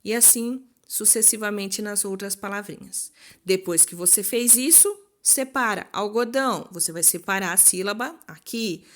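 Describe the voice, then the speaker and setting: A Brazilian woman teaching a recorded school lesson, slowly drawing out words to show their stressed syllable and playing her pupils' questions herself. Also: on the high side, a bit bright. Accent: Brazilian Portuguese. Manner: voices imagined pupils' questions.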